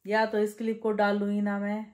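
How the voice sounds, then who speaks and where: A woman's voice: completely flat delivery, fairly quick, a little mellow. Young woman, vlogger; chatty casual direct-to-camera talk, everyday mid voice. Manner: chatty, addresses viewers as bhai; lowers voice to avoid waking someone. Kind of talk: casual daily vlog chat.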